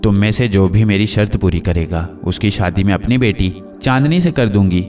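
A man's voice: on the low side, moderate pace, mellow, close to an everyday voice. A man voicing a haughty, scolding witch who guards her daughter's marriage. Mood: scornful. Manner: imperious, scolding. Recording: distant mic with faint music.

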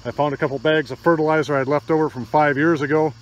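Fast and fairly even, his voice sits on the high side, and the recording sounds muffled. He's an older man from Michigan walking a rural field with a phone camera, giving plain, practical DIY hunting instructions while crickets and insects buzz.

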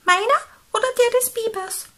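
A woman doing a tiny squeaky mouse. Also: noisy background. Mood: curious. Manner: high, quick and squeaky. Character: tiny quick squeaky female field mouse.

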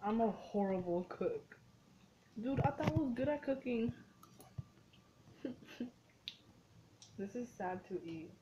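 A young woman from a Mexican family chatting casually while cooking, full of "like" and "dude" and quick to say "ew". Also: on the high side, lively intonation, muffled recording, background noise. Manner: chatty and easily grossed out, lots of "like" and "dude". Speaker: vlogger. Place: dim home kitchen.

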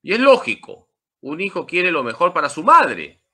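Male priest, bright forceful voice, lively preaching. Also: a little high, normal speed. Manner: emphatic, lively teaching with humor. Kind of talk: Marian catechesis talk.

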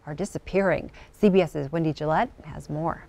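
A woman news anchor presents a scripted morning bulletin from a TV studio. Her voice sits on the low side. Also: normal speed, gravelly, a little mellow.

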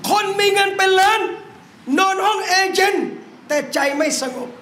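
A man preaching an Islamic sermon to a gathering in a noodle shop, impassioned and often breaking into shouts while calling his listeners brothers and sisters. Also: extremely high pitch, normal speed, a little hiss or hum. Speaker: Islamic religious teacher. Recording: echoey room.

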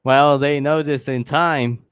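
A young man chatting casually on a livestream, relaxed and amused. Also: on the high side, slow pace, smooth, no echo. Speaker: livestream host.

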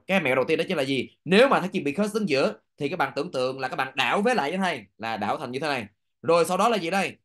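A male English teacher from Vietnam runs an exam review at a brisk clip. His voice sits a little high and jumps up in bursts as he drills grammar tricks. He keeps checking that his students are following. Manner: repeats "được chưa?" to check understanding; lively teacher's voice with sudden rises.

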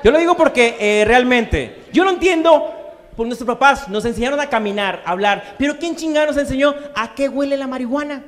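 Onstage in a comedy bar, a man with a very high voice runs through a crude, slang-heavy stand-up set, speaking a little fast. He delivers slangy punchlines and acts out quotes, and the live club recording has long reverb.

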